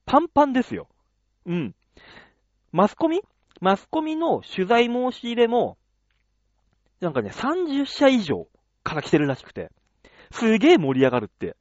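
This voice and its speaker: A man's voice: very high voice, wildly swooping pitch, normal speed, long pauses, no echo, muffled recording. A man hosting a radio show, chatting and telling stories in a self-mocking way. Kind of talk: casual chat monologue.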